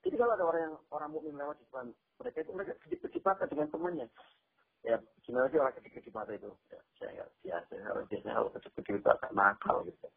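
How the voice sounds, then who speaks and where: A man's voice: on the high side, sing-song, very fast, creaky, slightly rough. A man preaching a Quran exegesis sermon, explaining verses and asking rhetorical questions. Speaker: Islamic preacher. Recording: tinny phone-like radio sound.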